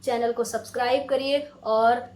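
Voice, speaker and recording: A young woman with a high voice gives a patient, step-by-step lesson as an English teacher. She explains each rule slowly and repeats examples. Her voice rings in an echoey room. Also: steady tone, a little mellow.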